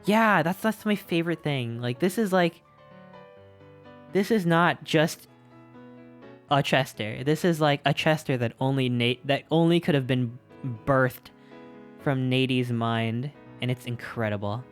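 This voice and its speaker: A streamer gushing over fan art in casual live-stream chat, excitable and repeating itself, a little out of breath. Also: medium pitch, unhurried. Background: faint background music.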